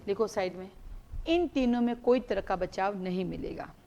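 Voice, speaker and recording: A woman teaching a live law class, explaining through lively everyday stories, mixing Hindi with English legal terms and repeating key points for students to note. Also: medium pitch, normal speed, lo-fi sound. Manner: animated storytelling with everyday examples.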